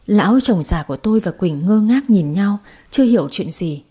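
A woman giving scripted story narration in a soft, dramatic way. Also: mid-range voice, animated, normal speed, husky.

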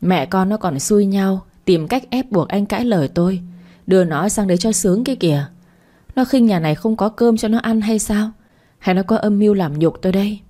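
A woman's voice: moderate pace, mellow, natural voice. A woman doing a furious, scolding mother-in-law. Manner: shrill scolding tirade.

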